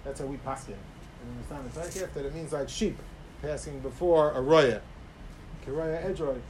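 A man speaking as a rabbi giving a sermon, with emphatic delivery that swings between raised stress and softer asides. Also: medium pitch, moderate pace, low-quality recording. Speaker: rabbi giving a religious talk. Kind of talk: sermon, Torah lecture with Hebrew quotations. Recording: clear background noise.

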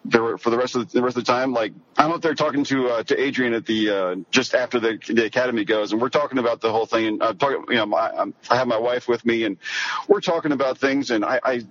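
Muffled, lo-fi audio carries a middle-aged American man chatting casually as an interview guest. He speaks at an ordinary male pitch and rambles haltingly through his stories. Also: a bit bright. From rural Missouri, United States. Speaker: podcast guest, sword-fighting hobbyist.

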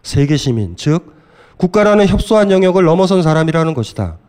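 A middle-aged man giving a lively, blunt philosophy lecture, often acting out scolding voices. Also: on the high side, a little fast, clear, resonant tone.

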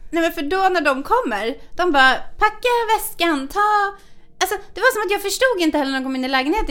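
A woman co-hosting a podcast, telling a story in casual chat, swearing freely and acting out the dialogue. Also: high voice. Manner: animated, swears a lot, acts out quoted dialogue. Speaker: podcast co-host.

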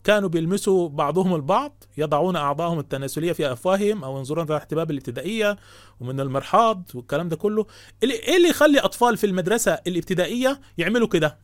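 A man's voice: high voice, lively intonation, racing, no echo, studio quality. A man with an Egyptian Arabic accent hosts a show and gives impassioned religious commentary. He speaks in an indignant, scolding, rhetorical way. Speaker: host taking calls.

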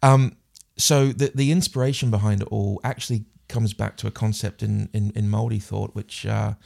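A man with a New Zealand accent talks thoughtfully as a podcast guest in a relaxed interview. His lowish voice is gravelly with a darkish tone, steady and at normal speed. He frequently restarts and repeats words.

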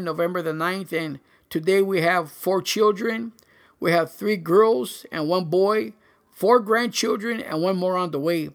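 An older man giving a personal church testimony, earnest and halting, with many pauses and fillers. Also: high-pitched, creaky, a bit bright.

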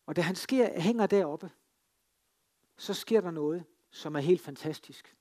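A man preaching a sermon, telling the story dramatically and swinging between emphatic lines and hushed ones. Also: high voice. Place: free church.

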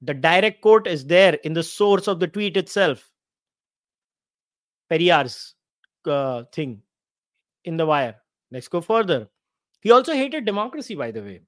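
Reading quotes and responding to viewers on his live stream, this Indian-accented host is opinionated, sardonic and emphatic, and very animated. His voice runs on the high side, a little slow with frequent pauses, in a dry, studio-quality recording.

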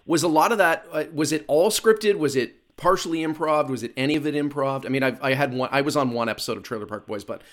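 A man hosting a podcast interview, upbeat and quick to laugh in casual chat. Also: a little high, fairly bright tone. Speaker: podcast host.

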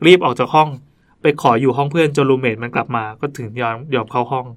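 A man's voice: medium pitch, fast talker. A male podcast host reading listener ghost stories aloud in a chatty way, stopping now and then to comment. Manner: chatty, breaks off to joke and comment.

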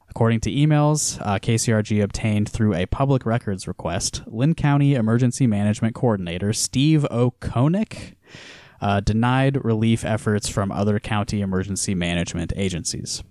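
A man with a fairly low voice reads news stories on a casual podcast and breaks off for joking remarks. His voice is close and dry. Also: darkish tone, no room sound. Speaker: podcast host reading news. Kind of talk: casual chat.

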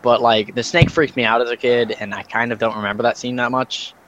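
A man's voice: medium pitch, flat delivery, a little fast, fairly bright tone, lo-fi sound, a little hiss or hum. Brief: male podcast co-host, dry teasing humor, mid-range voice. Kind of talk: casual chat.

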